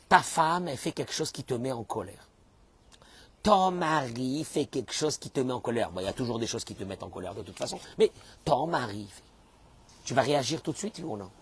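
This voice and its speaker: A man preaching a sermon in as a rabbi, acting out the people he quotes and suddenly bursting into shouts. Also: mid-range voice, a little hiss or hum. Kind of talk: animated sermon.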